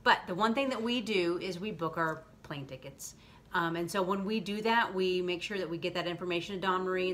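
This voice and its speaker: A woman with a lowish voice hosts a vlog in casual chat. She explains things loosely and ramblingly, with faint noise in the background. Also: fairly bright tone. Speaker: vlog host.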